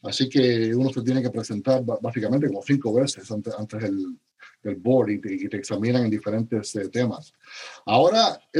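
A middle-aged man from Cuba, a podcast guest, talking in a halting way with many restarts. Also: mid-range voice, darkish tone, breathy edge. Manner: halting, frequent restarts and stammers. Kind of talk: conversational interview.

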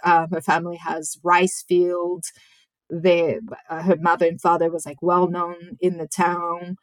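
Soft-pitched woman. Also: completely flat delivery, dry recording. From Japan. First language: Japanese. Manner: reflective, measured, searches for words. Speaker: podcast guest. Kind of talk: personal storytelling in conversation.

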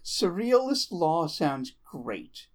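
A woman co-hosting a podcast in casual banter, teasing with quick retorts and swearing. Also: fairly low pitch, very animated, darkish tone. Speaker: podcast co-host.

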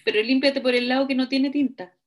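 A woman's voice: sits high, fairly even intonation, fairly quick. A Chilean woman co-hosting a podcast, throwing in teasing quips during casual banter. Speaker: podcast co-host.

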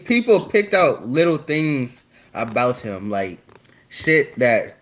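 A man's voice: medium pitch, very animated, takes it slowly, fairly bright tone. A young man debating casually on a podcast like an insistent frat bro, profane and repeating his points.

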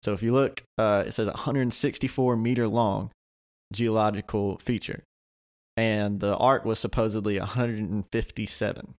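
A man's voice: on the low side, steady tone, normal speed, a little mellow. A man co-hosting a casual faith podcast, reading an article aloud, tripping over hard names and dropping jokey asides. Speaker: podcast co-host.

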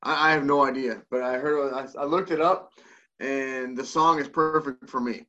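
A man's voice: mid-range voice, steady tone, normal speed, bright, forceful tone, lo-fi sound. A middle-aged American man co-hosting a podcast with joking, irreverent casual banter. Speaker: podcast co-host.

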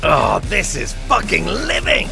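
An actor playing a reckless, thrill-seeking man in an audio drama, shouting in a frantic, profane way. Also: high voice, huge pitch swings, slow pace, vocal fry, music in the background, full character voice. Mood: wildly exhilarated.

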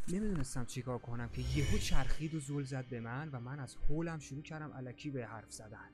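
Man telling a creepy story over music. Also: mid-range voice. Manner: casual, slangy retelling. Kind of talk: first-person creepy story narration.

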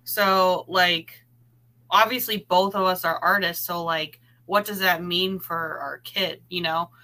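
Brief: female podcast guest, lowish bright voice, chatty, teasing. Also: fairly even intonation, measured pace. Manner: chatty, peppered with "like" and "you know", teasing. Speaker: guest artist. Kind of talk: casual podcast conversation.

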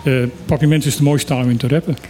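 Guy hosting radio chat, talks really quick, repeats himself, music behind. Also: medium pitch, fairly even intonation, mellow. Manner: stammering restarts, repeats phrases for emphasis. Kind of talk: casual radio discussion.

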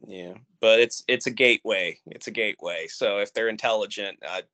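A man co-hosting a gaming podcast, chatting casually, animated and trailing off at times. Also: on the low side, a little fast. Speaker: podcast co-host. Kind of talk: casual chat.

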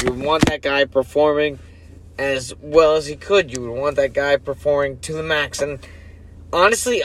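Tired guy rambling through a late night rant, keeps losing his train of thought, a bit higher voice. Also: a bit bright. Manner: rambling, loses focus, self-interrupting. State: sleepy, yawning. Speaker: podcast host. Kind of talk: casual rant.

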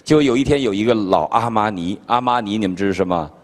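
An older man from China preaching a sermon at a conference, telling stories with humor in an animated way. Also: lowish voice, quick pace. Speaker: pastor. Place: conference hall. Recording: reverberant hall.

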